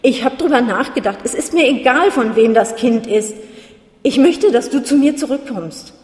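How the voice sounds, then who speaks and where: A woman reading a desperate young guy begging, stammery and pleading, kinda high, big echoey hall. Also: very animated, a little slow, mellow. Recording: roomy hall with long reverb.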